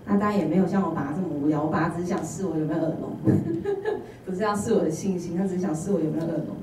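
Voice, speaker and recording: Lower-pitched woman preaching in an echoey hall. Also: racing, slight background noise. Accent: Taiwanese Mandarin. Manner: animated storytelling with humorous personal anecdotes and acted-out dialogue. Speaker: intern preacher. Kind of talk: sermon. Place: church sanctuary. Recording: echoey church hall, voice from a distance.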